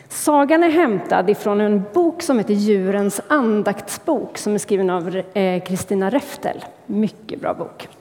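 A woman telling a story in church as a sermon, expressive and lively. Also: fairly high pitch, big-room sound.

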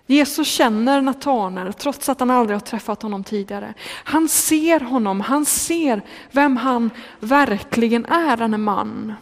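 A woman preaching a sermon in a church, speaking slowly and with emphasis, lingering on repeated phrases. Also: on the high side. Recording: long church reverb.

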